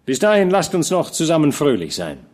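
A seasoned old war commander, voiced by a man reading an audiobook, kind and paternal beneath his authority. He speaks warmly and evenly, lifting his voice with lively pitch as he reassures. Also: brisk. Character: veteran male army commander, fatherly and kind.

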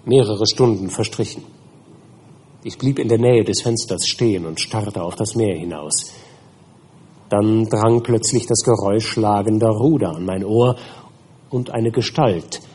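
A man reading a classic novel aloud as an audiobook, in measured, grave first-person narration. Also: on the low side, mellow, husky. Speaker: audiobook reader.

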